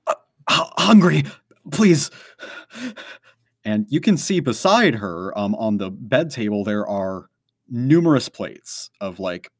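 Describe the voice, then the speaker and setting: A man's voice: fairly low pitch, sing-song, unhurried, dry recording, clean studio sound. A man narrating a tabletop game as game master, rambling with many fillers. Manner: rambling, full of "like" and "um".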